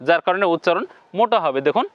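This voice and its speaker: A man teaching Quran recitation in a step-by-step lesson, slowly repeating syllables for viewers to copy and giving the Arabic sounds a heavy nasal tone. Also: high voice, lively intonation, dry recording, dull audio.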